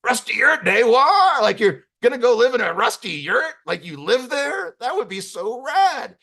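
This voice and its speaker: A man voicing a silly, hapless male cartoon character who tries hard, excitable and loud. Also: mid-range voice, takes it slowly, husky, heavily acted. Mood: giddy.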